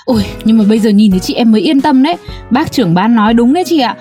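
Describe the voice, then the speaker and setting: A woman with a high, quick voice plays a cheerful, chatty neighbor in a comedy skit. She rattles along with easy friendliness. Faint music plays underneath. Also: lively intonation, warm tone.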